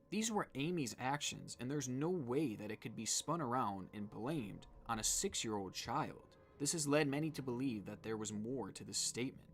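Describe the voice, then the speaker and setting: A man giving scripted narration in the style of a true-crime video. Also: mid-range voice.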